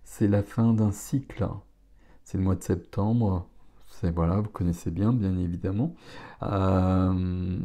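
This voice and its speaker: Man, very low voice, slow, mellow tone, casual tarot reading. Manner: relaxed, chatty, exclaims over cards. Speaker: tarot reader.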